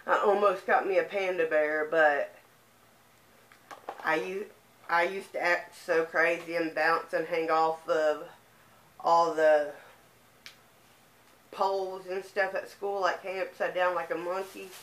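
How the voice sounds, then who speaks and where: Speaking in a lowish, level, slightly bright voice, a young woman with a lisp and speech impediment casually presents her haul purchases. She's a vlogger, easygoing and in no hurry, and the room has an echo.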